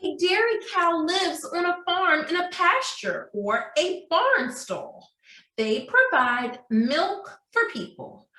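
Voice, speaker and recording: Her voice sits high and sounds pushed and bright as this woman, a preschool teacher, sing-songs through a read-aloud and a craft lesson. She poses questions to young children, and the room echoes noticeably.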